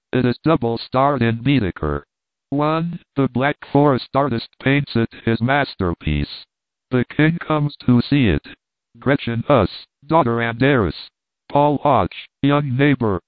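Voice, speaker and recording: A man's voice: mid-range voice, no echo. A man narrating an audiobook in a dry, wry storytelling manner. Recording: dry, tinny phone-like sound.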